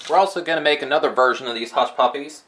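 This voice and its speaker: A middle-aged man hosting a cooking show, calmly giving step-by-step recipe instructions in a home kitchen. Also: fairly high pitch, fast talker, background noise.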